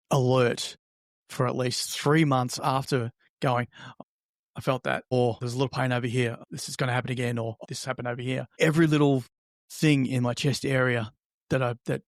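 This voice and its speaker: A man, an interview guest telling a personal story in a halting, reflective, conversational way, acting out remembered remarks. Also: mid-range voice, no echo, studio quality.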